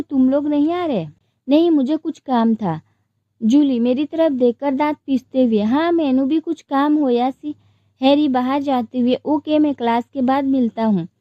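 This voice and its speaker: A woman's voice: sits high, no echo. A woman reading a romance story aloud, voicing every character in the same plain voice. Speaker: story narrator. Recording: dry, dull lo-fi recording.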